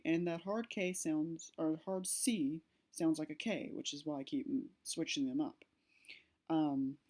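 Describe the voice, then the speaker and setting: Using slides, a woman who teaches languages explains a lesson step by step, sprinkling in fillers and correcting herself along the way. She has a low-pitched, slightly mellow voice.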